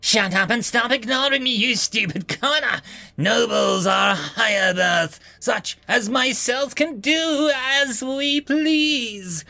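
Man doing a raised-pitch noble voice, sneering, entitled, slow drawn-out shouting. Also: animated, soft background music, full character voice. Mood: mocking. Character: arrogant short male noble winged creature.

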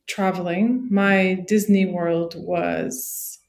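Low-pitched woman from Morocco, relaxed. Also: extremely slow, slight background noise. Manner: friendly, relaxed storytelling with fillers. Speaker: guest. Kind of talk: casual interview chat.

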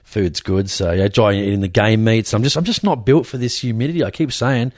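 A man's voice: on the low side, fairly quick, a little mellow, no room sound, studio quality. An Australian man hosting a podcast, chatting casually in a blokey, matey, rambling way. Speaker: podcast host. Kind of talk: casual interview chat.

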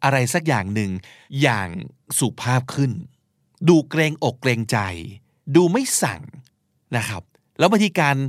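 A man's voice: medium pitch, sing-song, a little slow, no echo, clean studio sound. A man hosting a podcast, teaching and explaining vocabulary, spelling out words and acting out short examples. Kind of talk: explanatory language lesson talk.

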